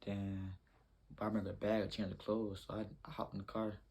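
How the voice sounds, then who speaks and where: A man's voice: lowish voice, level tone, fairly quick, a little mellow, husky. A young man telling a rambling, slangy story in a casual storytime vlog.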